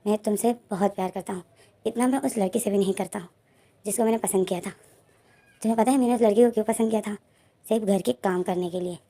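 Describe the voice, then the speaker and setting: A woman voicing a doting older man who speaks in a soft, affectionate, coaxing way, read in a storybook retelling. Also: a little high.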